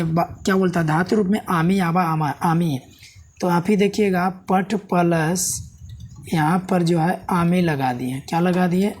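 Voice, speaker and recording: A man's voice: sits high, a little mellow, a little hiss or hum. A man teaches a Sanskrit grammar lesson step by step. He keeps asking the viewer questions and checking "है ना?". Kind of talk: classroom-style video lesson.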